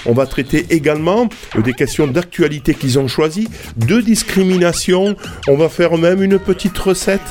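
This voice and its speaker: Chatty radio host, halting delivery. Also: male voice, on the high side, a little mellow. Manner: hesitant, many fillers and restarts. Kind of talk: hosting a radio interview.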